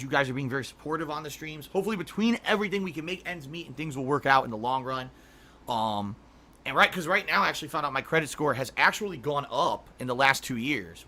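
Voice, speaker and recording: Man, middle-aged, livestream chat, rambling, throat clearing, bright tone. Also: mid-range voice, a little hiss or hum. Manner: rambling, restarts often, clears throat a lot. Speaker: streamer. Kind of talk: casual livestream chat reading viewer messages.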